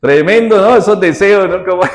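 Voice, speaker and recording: In this sermon, a male pastor with a somewhat high voice speaks to his congregation in a conversational way. He fills his talk with rhetorical questions and swings between loud, emphatic phrases and quiet, intimate asides.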